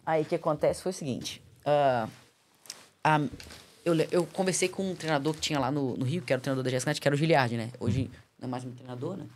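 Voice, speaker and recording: Brazilian woman guest on a podcast, kinda low voice, talks fast and earnest, lots of "you know?". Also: slight background noise. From Espírito Santo, Brazil. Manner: earnest, animated storytelling, frequent tag questions. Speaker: podcast guest, MMA fighter. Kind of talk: casual storytelling interview.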